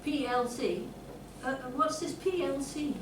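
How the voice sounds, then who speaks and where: In a comedy sketch spoofing an antiques panto, a woman plays a polite, smarmy game show host who is overly courteous and gushing. Her high-pitched voice is unhurried, recorded in an echoey room on a distant mic with clear noise.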